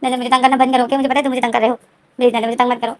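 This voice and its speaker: Woman voicing a flustered young dad, protesting, pleading, quick and higher-pitched, storybook retelling. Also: flat delivery, no room sound, natural voice. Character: flustered young man, new parent, embarrassed and defensive.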